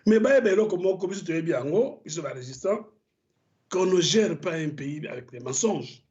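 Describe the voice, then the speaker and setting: A Congolese man argues politics on a studio show in a high, urgent voice. He presses his points and trips over repeated syllables. The broadcast audio is muffled and lo-fi. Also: animated, moderate pace, darkish tone. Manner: impassioned, stammers on restarts. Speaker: political commentator. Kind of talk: studio debate commentary.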